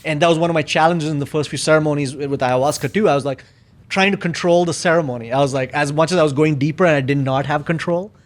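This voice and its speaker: Reflective man, slightly high voice. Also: fast talker. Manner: reflective, searching for words, many fillers. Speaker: podcast guest. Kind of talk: casual conversation.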